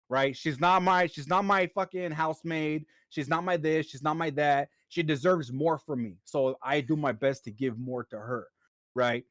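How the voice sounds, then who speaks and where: A man's voice: a little high, no room sound, clean studio sound. A man co-hosting a podcast, talking earnestly and rambling, with a lot of swearing. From United States. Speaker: podcast co-host. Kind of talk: casual chat.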